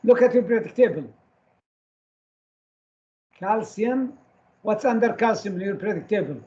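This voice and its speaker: A man's voice: high-pitched, animated, moderate pace, a little mellow, lo-fi sound. A man lecturing a class on chemistry, firing short questions at students and repeating key terms so they stick.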